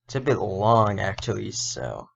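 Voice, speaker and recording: Slow, gravelly-voiced man thinking aloud. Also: lowish voice, very animated. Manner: thinks aloud, hesitant, corrects himself often. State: slightly hoarse. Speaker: indie game developer and animator. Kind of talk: casual think-aloud animation tutorial. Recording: dull lo-fi recording.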